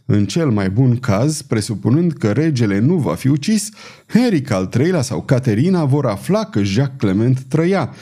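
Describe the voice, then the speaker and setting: A man narrates a historical novel with expressive, dramatic storytelling. His voice is mellow and warm, and it rises and falls in lively swings. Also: mid-range voice. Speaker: audiobook narrator.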